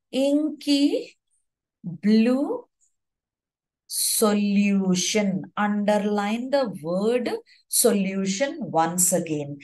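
A woman teaches an exam-focused chemistry lesson at a slow, unhurried pace. Her pitch moves a lot, rising and falling as she stresses key words. She dictates notes, repeating phrases and correcting herself along the way. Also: a little mellow, low-quality recording. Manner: self-corrects with fillers.

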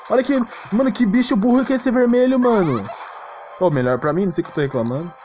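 Speaking quickly in a high, slightly mellow voice, a man with a Brazilian Portuguese accent streams a game, commenting live in a casual, slangy way with mild grumbling. Game music plays in the background, and the highs are cut off.

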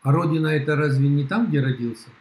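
A man's voice: a little high, fast, darkish tone, low-quality recording. A middle-aged man on a video call at home, arguing in a blunt, mocking, dismissive way. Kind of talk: heated casual argument.

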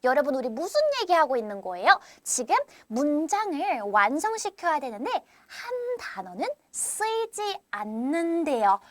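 A woman teaching English reading to children in a live online class, reading sentences slowly in an exaggerated sing-song and repeating words as drills. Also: sits high, no echo.

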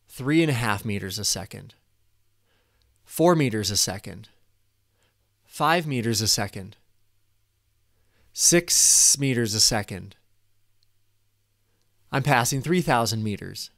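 A man in his thirties giving a casual, excited commentary over a replay of his own flight, at a desk microphone in a small room. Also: medium pitch, vocal fry, no echo, studio quality. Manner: enthusiastic, casual, swears when excited. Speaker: paragliding vlogger. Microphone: desk microphone in front.

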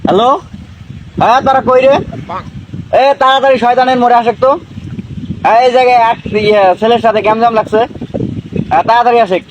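High-voiced brash young man. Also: fairly even intonation, brisk, pauses often, background noise. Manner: brash, challenging, then chatty. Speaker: comedy sketch actor. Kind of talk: comic sketch dialogue.

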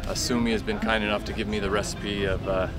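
A man in his forties speaks to camera outdoors on a beach, stumbling through restarts and fillers. His voice sits a little low. A loud music bed plays under him throughout. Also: little pitch movement. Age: 40s. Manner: halting, full of fillers and restarts. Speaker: professional beach volleyball player. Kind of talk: testimonial to camera.

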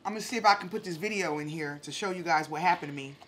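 Brief: home mukbang host, woman, 40s, animated and chatty, slightly low pitch, faint room noise. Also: racing. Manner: animated, chatty, acts out her own reactions. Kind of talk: casual storytelling to viewers while eating. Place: home dining room, indoors. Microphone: camera on the table in front.

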